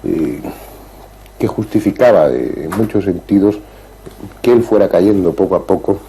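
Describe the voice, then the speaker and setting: A man hosting an interview, asking questions and narrating in a calm, thoughtful way. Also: low-pitched, moderate pace, slight background noise, rough recording. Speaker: interviewer and host.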